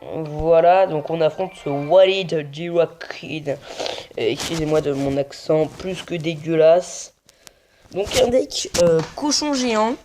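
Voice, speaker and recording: A man's voice: a little high, lively intonation, slow, darkish tone, slight background noise. A young man giving casual, muttered play-by-play commentary on his own mobile game match, swearing often. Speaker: gaming video creator.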